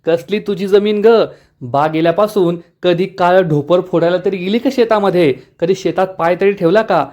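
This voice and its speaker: A man's voice: sits high, moderate pace, darkish tone, close to an everyday voice. A man voicing an outspoken young woman who talks indignantly. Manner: indignant, reproachful.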